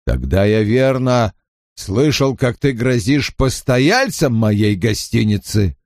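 Man doing a sly calm mayor, soft and slow, kinda insinuating. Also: medium pitch, no room sound, studio quality.

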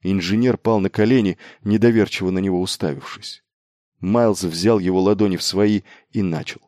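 A man reading a novel aloud as audiobook narrator, in a measured storytelling manner. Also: sits low, fairly even intonation, dark tone, no room sound, clean studio sound. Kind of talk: scripted narration.

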